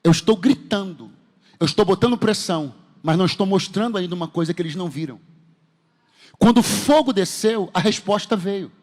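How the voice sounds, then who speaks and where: A man's voice: high voice, a little fast, darkish tone. A man with a Brazilian Portuguese accent, a pastor preaching a fervent sermon and firing rhetorical questions at his congregation. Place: church sanctuary. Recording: long hall reverb in a church.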